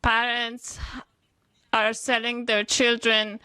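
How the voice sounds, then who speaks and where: A woman addresses a parliament panel over a video link, speaking slowly and earnestly with many pauses and fillers. Her voice sits a little high and sounds bright. The sound is dry and close. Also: flat delivery, smooth, no echo. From Afghanistan. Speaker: women's rights activist speaker. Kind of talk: formal prepared speech to a parliament panel. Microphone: remote video call connection.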